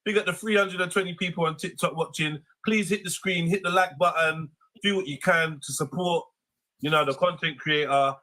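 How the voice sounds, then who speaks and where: Man, livestream host, bright forceful voice, slightly high, chatty street slang. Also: steady tone, normal speed, rough recording. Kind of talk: casual live chat hosting.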